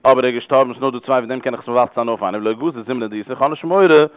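Male teacher, very fast, repetitive explainer; thin phone-line audio. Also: medium pitch, no room sound. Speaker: religious law teacher. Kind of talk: religious law class.

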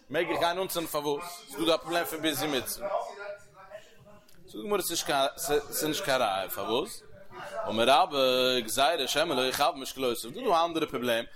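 A man giving a Talmud lecture as a religious teacher, animated, with sweeping rises and falls in pitch. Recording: crowd heard behind the voice. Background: crowd murmur.

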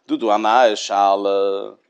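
A man's voice: fairly low pitch, fairly even intonation, slow pace, clear, resonant tone, dull audio. A man teaching a religious study lecture, repeating points and explaining with everyday examples, with English terms dropped in. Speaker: Talmud teacher.

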